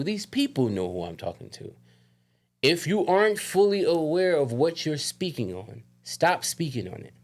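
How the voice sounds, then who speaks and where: Fired-up man with a slight lisp. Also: on the high side. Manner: emphatic, fired-up, profane, ranting. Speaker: podcast co-host. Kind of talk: casual heated podcast chat.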